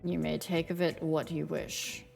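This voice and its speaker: A woman's voice: deep voice, fairly even intonation, unhurried, gravelly, darkish tone, faint music behind, pitched below the performer's own voice, exaggerated voice, low-quality recording. A woman voicing an aloof, brooding male Grim Reaper in a romance game, speaking in a stiff, formal, disdainful way. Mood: aloof, guarded. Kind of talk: dramatic reading of a romance visual novel.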